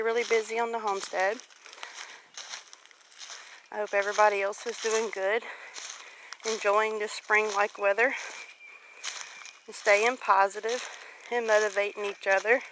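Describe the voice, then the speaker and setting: Fairly bright and mid-range, this late-forties woman's voice carries a devout, encouraging tone as she strolls outside on a rural property, talking casually and thoughtfully to her vlog viewers about homesteading life. The outdoor recording is low in quality, with clear background noise.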